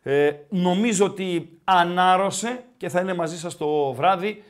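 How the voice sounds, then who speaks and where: High-voiced man in jokey sports banter. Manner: joking, animated banter. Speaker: podcast host. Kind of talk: casual sports chat.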